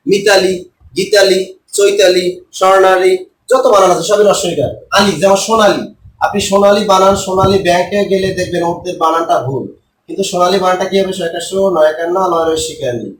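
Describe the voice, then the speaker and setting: A man teaching a spelling lesson for exam takers, repeating and spelling out words slowly and asking questions he then answers himself. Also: high-pitched, steady tone, echoey room, distant mic, a little hiss or hum, poor audio.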